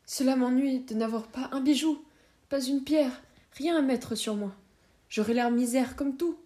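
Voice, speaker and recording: A woman reading as a soft, plaintive young wife. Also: sits high, measured pace, pitched above the performer's own voice. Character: young wife, anxious, yearning and wistful.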